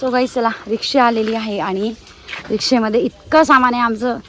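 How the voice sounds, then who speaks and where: A woman's voice: a little high, steady tone, normal speed, a bit bright. A woman chatting to her viewers in a casual travel vlog, filmed on a phone at a train station. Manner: chatty, addresses viewers directly. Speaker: family vlogger. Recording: crowd and traffic noise behind. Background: bustling crowd and vehicle noise.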